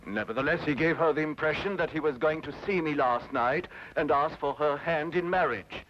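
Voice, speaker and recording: Gruff and indignant, a man voices a suspicious, stern middle-aged father with a grudging, blustery manner for a vintage radio drama. He speaks on the high side at a moderate pace, lightly acted, through dull old radio audio with faint noise.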